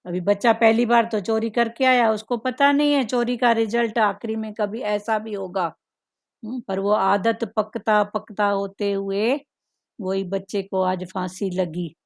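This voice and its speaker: A woman giving a devotional talk to a group as a spiritual teacher, musing slowly with frequent "hmm" fillers. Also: mid-range voice, steady tone, vocal fry.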